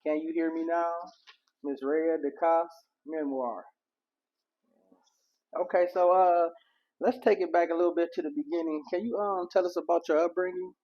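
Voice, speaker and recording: A man hosting a casual interview, relaxed and affirming with short replies. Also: fairly high pitch, normal speed. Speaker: interview host. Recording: dull lo-fi recording.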